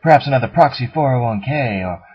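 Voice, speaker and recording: A man's voice: mid-range voice, expressive, fast, breathy edge. A man playing a pompous, wealthy playboy in a comedy sketch interview, with haughty, drawling airs. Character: pompous wealthy male playboy, tax-dodging snob. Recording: dull lo-fi recording.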